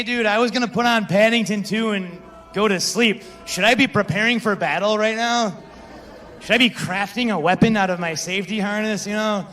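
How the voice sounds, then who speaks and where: A man's voice: sits high, bright, forceful tone. A young man performing a stand-up comedy set, telling stories in a conversational way and talking with the crowd. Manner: conversational storytelling with crowd work.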